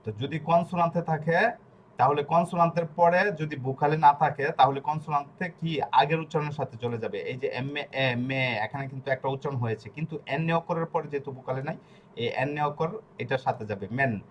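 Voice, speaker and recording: Man spelling out syllables slowly. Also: on the high side, a little hiss or hum. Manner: spells words out letter by letter, slow and deliberate; tells students to stay muted. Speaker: language teacher. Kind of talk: online class teaching pronunciation.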